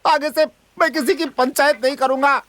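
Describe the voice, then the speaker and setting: A man dubbing a hot-tempered middle-aged village headman who shouts in exasperation. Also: extremely high pitch, steady tone, a little fast, slight background noise. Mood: furious. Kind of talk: Hindi film dub.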